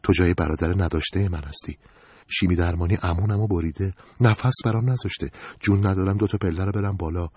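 A man doing a gentle, frail older woman. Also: low-pitched, husky, no echo. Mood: kind.

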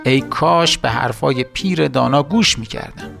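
A man's voice: mid-range voice, vocal fry, fairly bright tone, soft background music. A man voicing a bitter, jealous evil sorcerer in a storybook tale, talking in a raised, angry, whiny voice. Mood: regretful.

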